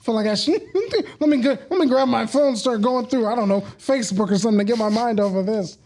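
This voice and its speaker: A man's voice: very high voice, quick pace, a little mellow. A young man chatting casually as a podcast guest, laid-back, laughing often and full of fillers. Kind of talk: casual chat.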